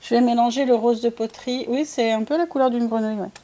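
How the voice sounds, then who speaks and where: A woman's voice: a little high, steady tone, fast talker, warm tone. A woman chatting casually while painting, thinking aloud and answering viewers' comments in a playful put-on accent. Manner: playful, puts on a random accent. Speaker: streamer painting with watercolors.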